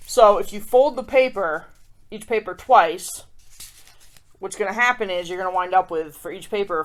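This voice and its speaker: Slight background noise accompanies this medium-pitched woman, who hosts a children's craft show. She talks through the tutorial casually, with playful self-deprecating asides and lots of check-in questions for viewers.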